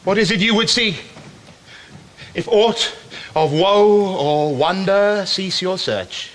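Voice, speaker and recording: An actor playing a prince's loyal, grieving scholar friend, in solemn, measured classical Shakespearean verse. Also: male voice, sits high, a bit bright, a little hiss or hum. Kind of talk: classical Shakespearean stage acting.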